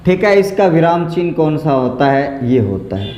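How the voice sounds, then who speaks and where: A man's voice: fairly high pitch, very animated, moderate pace, darkish tone, muffled recording. A man teaching a grammar lesson for an exam, explaining step by step and repeating the example phrases while he asks and answers his own questions. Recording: roomy echo.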